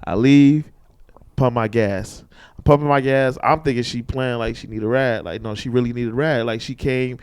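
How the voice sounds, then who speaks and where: A man co-hosting a podcast, telling a story in animated, slangy casual chat and repeating himself as he goes. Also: mid-range voice, normal speed, clean tone. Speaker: podcast co-host.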